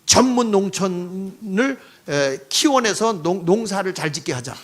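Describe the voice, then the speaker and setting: A man in his sixties giving a history lecture to an audience, animated and mocking, with quips and laughing asides. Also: high voice, measured pace.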